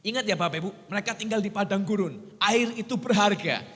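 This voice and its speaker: A middle-aged pastor preaches in a very high, bright voice, chatting easily with the congregation and slipping English phrases into his sermon. His words ring out with a long reverb that fills the church hall. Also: fairly quick. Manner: conversational preaching, mixing in English phrases, often addressing the congregation.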